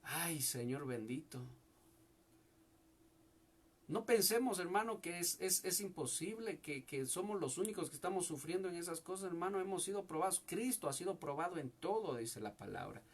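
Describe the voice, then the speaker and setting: A man's voice: on the high side, lively intonation, normal speed. A young male pastor preaching a fervent sermon from a home church service, often calling out to his listeners as brother. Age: young adult.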